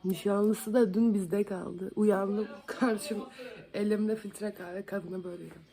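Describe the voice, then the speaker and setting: A woman's voice: medium pitch, steady tone, slow pace, vocal fry, warm tone. Chatty young woman doing her makeup. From Van, Turkey. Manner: chatty, joking, self-mocking. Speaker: beauty vlogger. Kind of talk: casual makeup vlog. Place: home, indoors.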